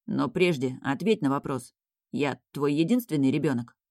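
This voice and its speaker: A woman reading an audiobook, voicing an earnest young prince who speaks quietly and pleads with his mother. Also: rumbling low, normal speed, no echo, clean studio sound. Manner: quiet, pleading, then firm.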